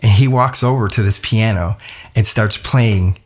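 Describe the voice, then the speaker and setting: A man telling a personal anecdote in a casual, conversational way, with lively asides and self-corrections. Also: on the low side, a little slow. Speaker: storyteller. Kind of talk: casual spoken storytelling.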